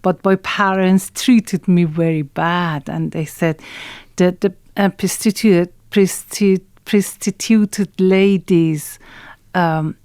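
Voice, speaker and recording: A woman from Iran with an Iranian accent, talking in a halting, hesitant way as a guest in a radio studio interview. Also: on the low side, steady tone, a little mellow, clear, resonant tone, no room sound. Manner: halting and hesitant, many pauses and fillers. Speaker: guest singer.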